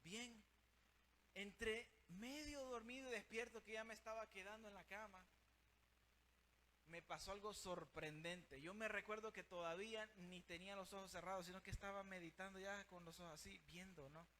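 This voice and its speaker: A man's voice: high-pitched, steady tone, normal speed, bright, forceful tone, slight background noise. A man preaching a sermon with fervour, speaking straight to his listeners as brother and sister.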